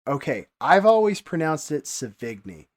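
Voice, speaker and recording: A man hosting a movie podcast, chatting in an upbeat, easygoing way and quick to laugh. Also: medium pitch. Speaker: podcast host. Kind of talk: casual movie-talk chat.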